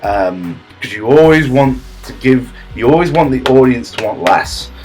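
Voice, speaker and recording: A man giving a deadpan parody comedy tutorial, smug and rambling, with halting restarts and a husky voice. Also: medium pitch, soft background music.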